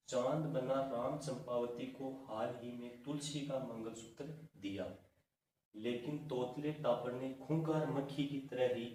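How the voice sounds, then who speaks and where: A man teaches an exam-prep lesson, running through long lists and quizzing himself as he goes. His voice sits at an ordinary pitch. He is recorded from a distance in a very echoey room with a faint hiss underneath. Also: a little mellow. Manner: drilling lists, asking and answering his own questions.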